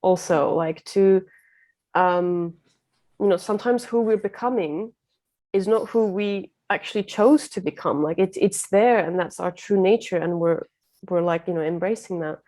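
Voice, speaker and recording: Woman from Turkey, guest coach, reflective and earnest, warm mellow tone. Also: on the low side, moderate pace. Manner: reflective, earnest, many fillers. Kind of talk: casual conversation.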